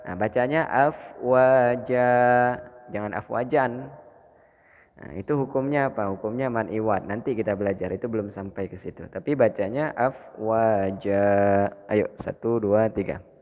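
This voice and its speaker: A man with an Indonesian accent teaching Quran reading, explaining rules slowly and chanting verses in a drawn-out melodic way for students to repeat. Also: fairly low pitch, a little mellow. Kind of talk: Quran recitation lesson. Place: mosque hall. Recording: long reverb of a mosque hall.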